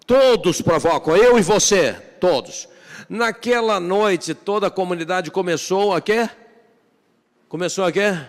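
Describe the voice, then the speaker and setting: A man preaching a sermon as pastor, impassioned, building to emphatic repetition and dropping to hushed lament when he dramatizes scripture. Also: fairly high pitch. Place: church sanctuary. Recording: long reverb of a church hall.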